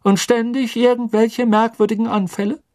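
A man voicing a pompous, stubborn male minister who shouts indignantly. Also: very high-pitched, flat delivery, moderate pace, dry recording, studio quality, pitched above the performer's own voice.

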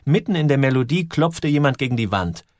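A man narrating a children's story with expressive storytelling. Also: mid-range voice, fairly quick, no echo, studio quality. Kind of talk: audiobook narration.

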